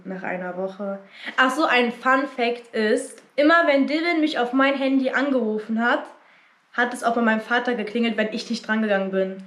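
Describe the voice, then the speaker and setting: A young woman vlogger telling a personal story in casual chat, acting out what her family said. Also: fairly high pitch. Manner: animated, acts out quotes of family. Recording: echoey room.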